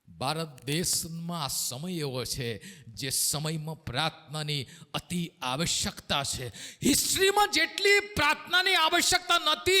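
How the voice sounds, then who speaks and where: A male pastor preaching a sermon, swinging between shouted lines and hushed low ones. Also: big-room sound.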